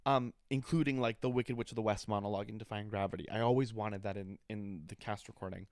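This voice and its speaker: A man co-hosting a podcast, chatting excitedly about a film with many fillers. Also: lowish voice, quick pace, no echo, clean studio sound. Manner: excitable, talks over partner, many fillers. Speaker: podcast co-host. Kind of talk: casual chat, film review.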